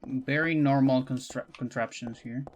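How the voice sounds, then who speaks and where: A native Spanish speaker with a Chilean accent, this game streamer chats casually and off the cuff to his live audience while playing, playful and teasing. His medium-pitched voice keeps a steady tone and moderate pace over slight background noise.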